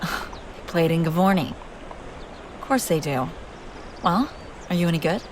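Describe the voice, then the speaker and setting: In a one-sided, acted fantasy audio roleplay, a woman plays a haughty, wry young princess on the run, bantering with teasing, exasperated sarcasm. Her voice is on the low side with lively intonation and a measured pace, against a noisy background.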